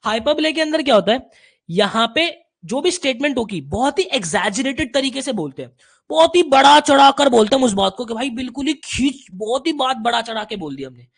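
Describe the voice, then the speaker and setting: A male teacher giving a live online exam-prep class, chatty, with frequent check-ins and slowly spelled-out examples. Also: very high voice, expressive, husky.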